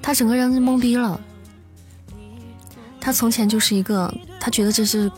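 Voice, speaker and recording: A woman's voice: a little high, steady tone, normal speed, a little mellow, soft background music. A woman hosting a livestream, telling a spooky story in casual chat. She keeps checking in with her listeners and often restarts her sentences. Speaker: livestream host. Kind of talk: casual storytelling to a live audience.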